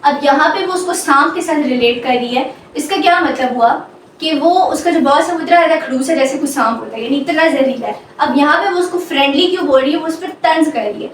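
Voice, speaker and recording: A high-pitched woman teaches grammar, stopping often to check she is understood. Her voice comes from well away from the mic, in a very echoey room, with a faint hum behind it. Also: fairly quick, far from the mic. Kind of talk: grammar lecture.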